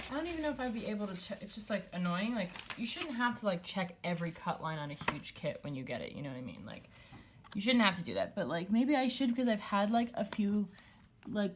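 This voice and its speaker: A woman's voice: mid-range voice, background noise. A young woman talking casually as she decorates a planner, thinking aloud and rambling with many likes and ums. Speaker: planner vlogger.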